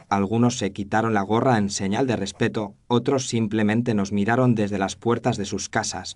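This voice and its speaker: Narrator male actor: thoughtful Victorian doctor-chronicler, low pitch, scripted first-person storytelling. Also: a little mellow, natural voice.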